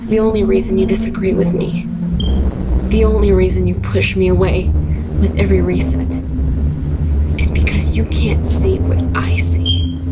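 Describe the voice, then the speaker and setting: A woman's voice: medium pitch, expressive, normal speed, long pauses, very noisy, natural voice. Woman as Geno, a bitter wounded skeleton. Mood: dark, menacing. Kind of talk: dramatic comic dub acting.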